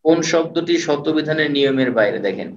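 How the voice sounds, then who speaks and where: A man teaching an online class, patiently repeating words and sounding them out slowly. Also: fairly high pitch, animated. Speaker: online tutor. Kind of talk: live online lecture. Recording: roomy, distant, dull sound.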